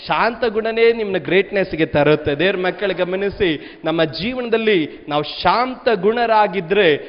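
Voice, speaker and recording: High-voiced preaching man in echoing hall. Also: animated, moderate pace. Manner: emphatic preaching, repeating refrains, calling on the congregation. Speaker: pastor. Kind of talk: Kannada sermon. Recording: dull long-reverb church hall recording.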